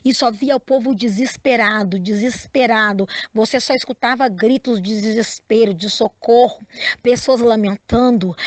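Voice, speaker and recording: A woman's voice: on the high side, darkish tone, dry recording. A woman gives an earnest, emotional testimony of a religious dream, retelling it with rising distress. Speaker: testimony speaker.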